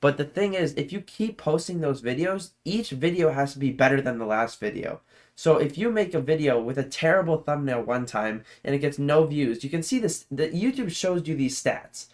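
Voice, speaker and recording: A man's voice: fairly high pitch, expressive, normal speed. A man hosting a reaction video, commenting casually in a rambling way, full of filler words and easily impressed.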